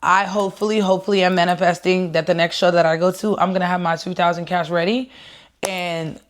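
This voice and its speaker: A woman's voice: fairly low pitch, brisk. A woman singer and rapper telling viewers a personal story in a casual vlog, earnest and emotional, speaking straight to her audience. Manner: excited at first, quieter and heartfelt later.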